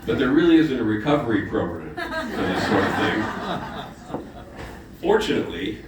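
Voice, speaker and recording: Chuckling through self-mocking jokes, a deep-voiced man chats between songs during a live show on an indoor club stage, with huge pitch swings at a moderate pace. The sound comes from his stage mic as heard from the audience, distant and echoey, taped in the crowd. Heavy noise from the cheering crowd and the band surrounds him.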